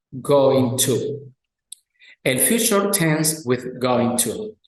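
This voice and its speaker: A man teaching an English lesson in Spanish, slowly repeating English words and translating them. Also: on the high side, reverberant. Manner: slow, careful pronunciation drills alternating English and Spanish. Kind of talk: recorded lecture with slides.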